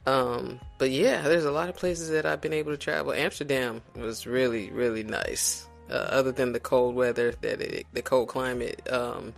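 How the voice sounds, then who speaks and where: A man from South Carolina, a podcast guest in casual conversation, talking in a reflective, unhurried way with many restarts. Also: medium pitch, fairly even intonation, creaky, soft background music.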